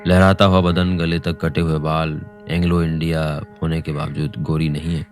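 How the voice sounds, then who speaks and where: Deep-voiced male audiobook narrator. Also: normal speed, soft background music. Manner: expressive dramatic reading. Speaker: storyteller.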